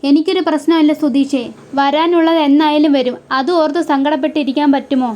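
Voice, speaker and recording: A weary middle-aged bachelor, read by a woman in a high voice, soft-spoken and resigned. He talks about his own misfortune in a calm, philosophical way, as in a serialized audio story. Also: brisk, lightly acted.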